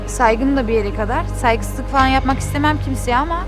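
A woman's voice: sits high, brisk, over music. A woman who is not a native Turkish speaker, a reality show contestant arguing defensively and repeating herself. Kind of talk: heated argument.

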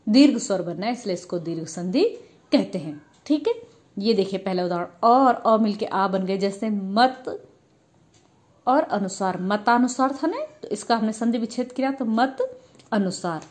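A woman's voice: medium pitch, expressive, normal speed, darkish tone. A woman teacher giving a grammar lesson, patiently asking questions and answering them herself. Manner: addresses students as children.

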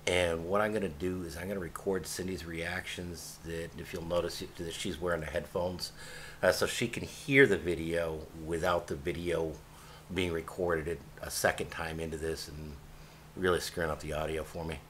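A man's voice: sits low, fairly even intonation, moderate pace, a bit bright, a little hiss or hum. An older man casually commenting while touring a house, chatty and curious. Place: indoor room and empty house.

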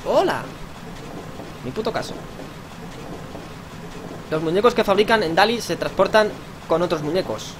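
A man's voice: sits high, lively intonation, normal speed, pauses often, background noise. A young man with a Spain Spanish accent, casually commenting on a video game, joking and crude as he reads lines aloud. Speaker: gamer. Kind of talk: casual let's play commentary. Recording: game music in the background. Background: game music.

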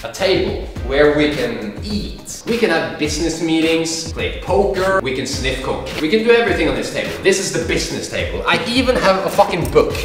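A man's voice: on the high side, brisk, few pauses, roomy sound, soft background music. Norwegian man boasting through a house tour. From Norway. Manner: jokey, boastful deadpan with swearing. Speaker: vlog host. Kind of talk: mock-luxury house tour. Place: apartment indoors.

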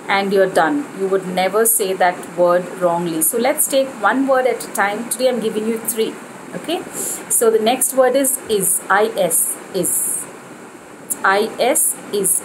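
Woman, Indian English accent, teacher drilling pronunciation, unhurried delivery, humming room noise. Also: mid-range voice. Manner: slow, deliberate pronunciation drills. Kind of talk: spoken English lesson.

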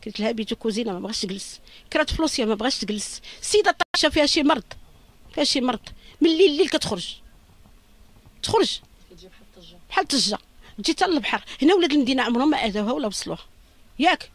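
A woman's voice: high voice, expressive, very fast, long pauses. A middle-aged woman with a Moroccan Arabic accent gives an emotional interview as a victim's mother, talking in an urgent, lamenting and pleading way.

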